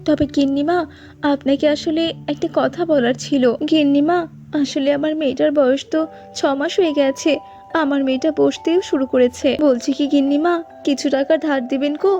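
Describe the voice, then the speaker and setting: A woman's voice: high-pitched, steady tone, normal speed, warm tone, lo-fi sound, faint music behind. Woman voicing a pleading young mother. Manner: pleading, tearful. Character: poor young mother and maid, gentle and pleading. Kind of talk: cartoon voice acting.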